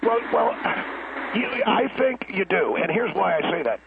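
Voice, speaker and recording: A man talk radio host heard over a crackly cordless phone line, needling his guest in halting, restarting speech. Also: high-pitched, sing-song, creaky, over a noisy crowd. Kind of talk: on-air radio banter.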